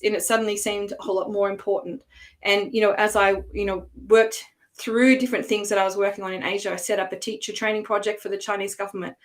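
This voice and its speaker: A woman with an Australian accent, a coach and former teacher, giving a chatty online talk with many "you know" fillers. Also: medium pitch. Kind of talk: presentation at an online coaching event. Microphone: video call.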